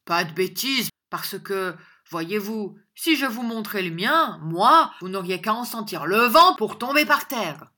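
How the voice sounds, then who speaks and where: A woman's voice: mid-range voice, expressive, measured pace, few pauses, voice pushed up. A woman voicing a bluff, hot-tempered honest country man who blusters and defies his opponent in a storybook reading. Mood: jovial. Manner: loud, blustering and defiant.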